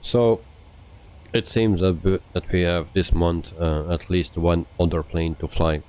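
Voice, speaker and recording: Deep, mellow-voiced man chatting on stream. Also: unhurried, dull audio. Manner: relaxed, chatty, frequent hesitations. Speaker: flight sim livestreamer. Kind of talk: casual live-stream chat.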